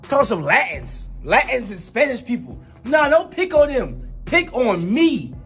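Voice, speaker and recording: A man with a very high voice trash-talks a rival, taunting him and laughing at his own jokes. Faint music plays behind him. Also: big pitch swings, unhurried, fairly bright tone. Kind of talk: trash talk.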